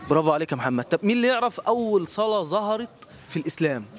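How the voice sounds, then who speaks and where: An Egyptian man hosting a street quiz outdoors, encouraging and quick to praise each answer. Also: sits high, big pitch swings. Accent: Egyptian Arabic. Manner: encouraging, repeats praise often.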